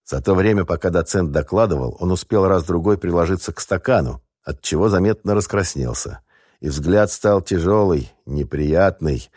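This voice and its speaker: A man narrates a first-person audiobook in a measured, wry way. His voice is very low and the booth sound is dry and close. The reading is steady and scripted. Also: husky, no echo.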